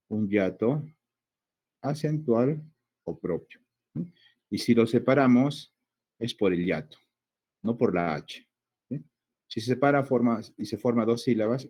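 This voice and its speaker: This grammar teacher, who has a Peruvian Spanish accent, speaks on the low side with a darkish tone and a breathy edge. He goes through the lesson step by step, often asking questions, and stretches out words slowly to sound out each syllable.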